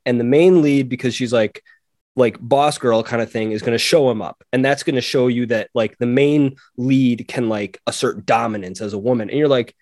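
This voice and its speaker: A man co-hosting a podcast in casual chat, animated and acting out quotes in a raised voice. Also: mid-range voice, normal speed, no room sound, clean studio sound. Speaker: podcast co-host.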